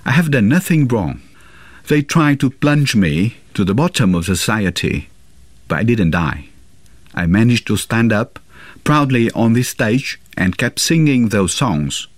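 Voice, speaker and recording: A man acting as interpreter, speaking in measured, earnest tones as a translation voice-over for an interview. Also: mid-range voice, expressive, no echo. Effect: translation voice-over in the first person.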